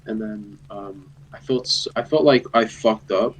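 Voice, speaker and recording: A young man co-hosting a podcast, speaking in casual, reflective chat with many restarts, often trailing off quietly. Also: fairly low pitch, slightly rough, rough recording. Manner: halting, restarts, turns quiet and subdued. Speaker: podcast co-host.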